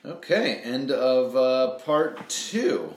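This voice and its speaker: A man casually reading aloud and sharing fun facts, explaining things and gently prompting with questions. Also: medium pitch, lively intonation, drawn-out words. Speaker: host reading aloud with a child. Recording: echoey room with faint noise.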